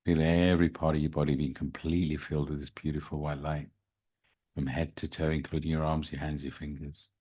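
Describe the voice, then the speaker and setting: A man speaking as a spiritual host, leading a guided meditation in a gentle, soothing, unhurried manner. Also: very deep voice, flat delivery, slightly rough. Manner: slow, soothing, gentle delivery. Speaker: podcast host and spiritual reader.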